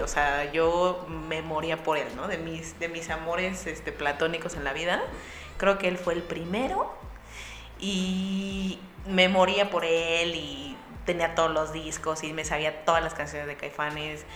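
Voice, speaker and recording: A young woman with a Mexican Spanish accent, telling a lively anecdote to friends and acting out the voices of the people in it. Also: on the low side, reverberant, a little hiss or hum. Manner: lively storyteller acting out voices with bursts of laughter.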